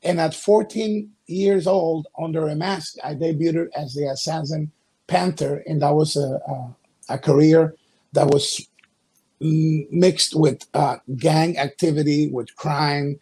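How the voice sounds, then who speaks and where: A middle-aged man from Ecuador, a wrestling promoter and pastor, answering interview questions in a halting way with many fillers. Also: a little high, steady tone, dark tone, husky.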